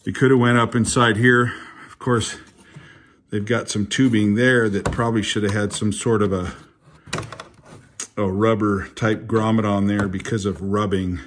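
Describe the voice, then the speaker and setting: This folksy older DIY presenter speaks at a measured pace in a fairly low, level voice, casually demonstrating a home repair in a small indoor kitchen. He keeps checking in with viewers as he chats. Recorded on a camera mic on a tripod some distance away, the room echoes and the work noise is clear.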